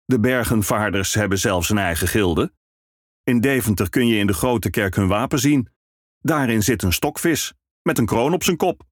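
A man reading a storybook, voicing a hearty, boisterous male ferryman in a raised, loud voice. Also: lowish voice, lively intonation, moderate pace, no room sound, clean studio sound.

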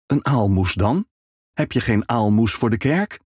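A man's voice: medium pitch, lively intonation, a little slow, husky, dry recording, studio quality. A man reading a storybook, voicing a coaxing male priest who asks for alms. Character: persuasive middle-aged male priest, coaxing.

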